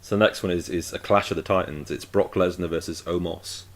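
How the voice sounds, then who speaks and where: A man with a very low voice hosts a relaxed chat show and hands the turn to each guest. He often repeats words while he thinks. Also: fairly quick. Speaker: podcast host. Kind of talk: casual chat, wrestling predictions.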